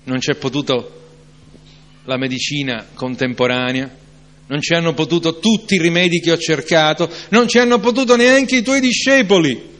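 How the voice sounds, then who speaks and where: A man preaching an evening sermon, moving from calm reflection to loud, emphatic climaxes. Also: on the high side. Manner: slow, deliberate delivery.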